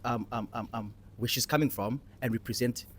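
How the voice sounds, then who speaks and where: A young man from Cape Town, South Africa, speaking with a South African accent in a mid-range voice at a fairly quick pace. He hosts and takes part in a casual discussion, telling personal stories with emphatic repetition.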